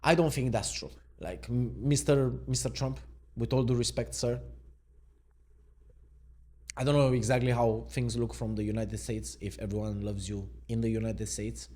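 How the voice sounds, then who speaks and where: Relaxed male coach for an off-the-cuff reaction clip; thinks out loud, mid-range voice. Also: mid-range voice, normal speed. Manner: musing, thinks aloud and questions what he reads; easygoing, laid-back. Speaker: mindset coach. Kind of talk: unscripted reaction video.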